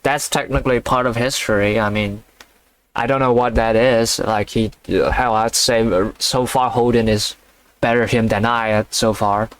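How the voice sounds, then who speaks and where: A man reads a novel aloud in a loose, halting way, tripping over harder words. He stops often to comment in a crude, offhand tone and swears without much thought. His pitch sits in the middle range for a man. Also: steady tone, fairly bright tone. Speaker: channel host reading a novel aloud. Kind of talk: casual read-along with commentary.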